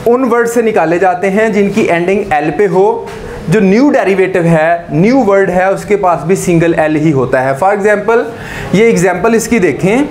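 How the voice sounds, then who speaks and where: A man's voice: high-pitched, slight background noise. A man teaching spelling rules, switching between Hindi and English and checking with "right?" after each point. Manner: explanatory, repeats rules and asks "right?" to check understanding.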